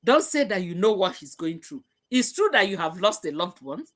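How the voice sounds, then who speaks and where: A woman's voice: fairly low pitch, very animated, moderate pace. A woman hosting a live talk show, reading out viewer comments and stressing points by repeating them. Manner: emphatic, repeats key phrases.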